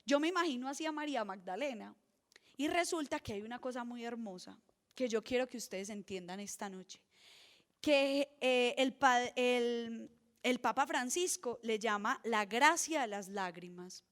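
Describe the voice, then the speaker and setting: A young woman, preaching earnestly at a retreat, moving between soft asides and emphatic points. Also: fairly high pitch, moderate pace. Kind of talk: sermon.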